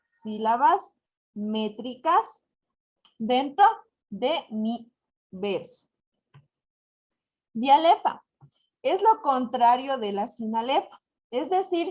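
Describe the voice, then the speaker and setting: A woman's voice: fairly high pitch, darkish tone. Patient, didactic woman teacher, Ecuadorian Spanish. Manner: didactic, slows to spell out examples, asks "¿ya?" to check understanding. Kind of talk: recorded lesson explaining syllable counting.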